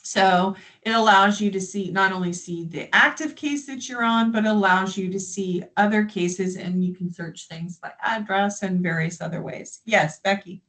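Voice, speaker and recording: A woman from the United States leading a live software training, explaining features in a friendly, chatty way. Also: medium pitch, normal speed, few pauses, rough recording.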